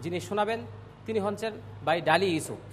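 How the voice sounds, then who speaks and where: A man teaching Quran pronunciation, drilling letter sounds slowly and clearly and calling on students to repeat after him. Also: high voice, long reverb tail. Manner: slow, clear drilling of letter sounds with call-and-response prompts. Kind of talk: classroom pronunciation lesson.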